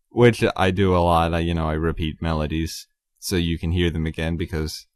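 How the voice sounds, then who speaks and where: Man, very low voice, hesitant, self-correcting, solo podcast host, dry recording. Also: dry recording. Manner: rambling, hesitant, many ums, self-correcting. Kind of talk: casual solo talk about his music.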